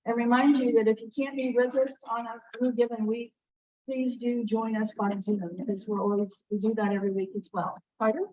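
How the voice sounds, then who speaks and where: A woman chairing a club meeting, making brisk, welcoming announcements. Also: a little high, level tone, a little mellow, lo-fi sound. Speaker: club president.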